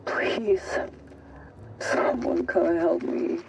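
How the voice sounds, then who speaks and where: An actress voicing a weakening trapped woman in a video game, pleading faintly and haltingly in a ghostly, unearthly voice. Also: on the low side, a loud crowd, heavily acted, rough recording. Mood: weak, pleading. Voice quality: ghostly, unearthly, breathy weak voice.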